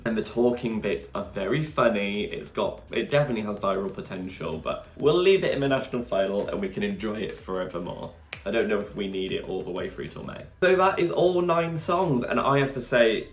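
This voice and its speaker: A man in casual, enthusiastic reaction-video chat, sharing his opinions straight to camera. His voice sits a little low with a gravelly edge. The room gives it a noticeable echo. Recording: roomy echo.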